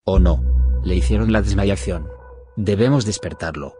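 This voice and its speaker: A man plays a level-headed young cartoon hero. His voice sits fairly low, over clearly audible music. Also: normal speed, mellow, close to an everyday voice. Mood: urgent. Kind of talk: animated comedy dialogue.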